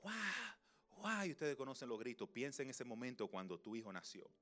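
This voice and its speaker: A young man preaching a sermon, telling a personal story and moving between loud passages and hushed, slow ones. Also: medium pitch. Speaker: pastor.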